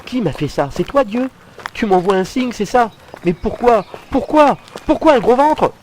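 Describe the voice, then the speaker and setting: A man's voice: high voice, expressive, moderate pace, a little mellow, a little hiss or hum. An actor playing a confused teenager stuck in a grown man's life, baffled and exasperated.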